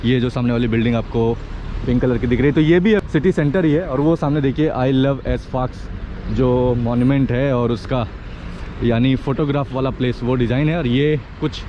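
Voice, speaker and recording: A man's voice: medium pitch, moderate pace, a little hiss or hum. A young Indian man narrating a travel vlog outdoors, mixing Hindi and English in a chatty guiding way. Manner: mixes Hindi with English, guides the viewer chattily. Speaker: travel vlogger. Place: outdoors on city streets. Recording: muffled with music under it.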